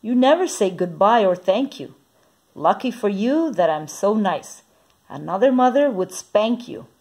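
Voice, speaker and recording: Woman reading as a fussy sing-song mom, husky, storybook. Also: medium pitch, big pitch swings, unhurried, darkish tone, heavily acted. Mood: embarrassed. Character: fussy, easily embarrassed mother.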